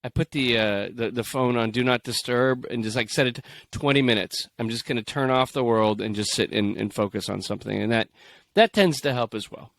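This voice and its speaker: A man's voice: mid-range voice, fairly quick, creaky, hardly any pauses. A man co-hosting a podcast in casual, jokey chat, reading stories aloud and slipping into playful voices. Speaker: podcast co-host.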